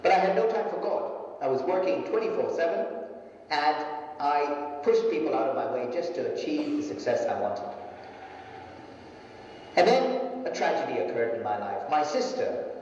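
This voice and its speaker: A man's voice: fairly high pitch, very animated, a little mellow, a little hiss or hum. Faraway man, heavy hall echo. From Hong Kong and Japan, Sindhi family. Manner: measured storytelling. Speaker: management consultant giving a testimony. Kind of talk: personal testimony in a video. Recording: distant, very echoey video played in a hall.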